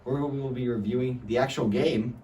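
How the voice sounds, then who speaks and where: A man's voice: medium pitch, fairly even intonation, a little fast, dark tone, distant mic, slight background noise. Casual teen guy anchoring student news. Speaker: show anchor.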